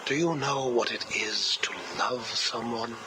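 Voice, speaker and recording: A cold, grieving scientist who measures every word and lingers on his loss. He is heard through the hiss of a played-back cassette tape. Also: mid-range voice. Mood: mournful. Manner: slow, controlled, mournful delivery. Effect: played back from a cassette tape recording. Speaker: interview subject. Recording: hissy cassette tape playback.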